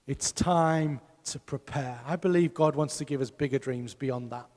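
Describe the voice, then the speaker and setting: A man's voice: medium pitch, normal speed, darkish tone, long reverb tail. A man preaching a sermon as pastor, emphatic and putting rhetorical questions to his congregation. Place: church hall.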